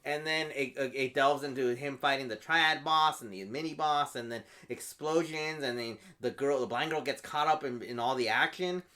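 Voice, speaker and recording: A man hosting a podcast, chatting casually and excitedly as he retells movie scenes. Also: medium pitch, moderate pace, hardly any pauses. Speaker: podcast host. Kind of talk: casual movie review chat.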